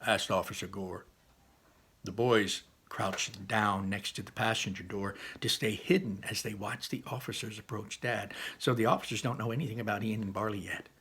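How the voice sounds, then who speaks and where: A man's voice: lowish voice, fairly even intonation, normal speed, a bit bright, breathy edge. A man teaching a read-aloud lesson, chatty and explaining with asides.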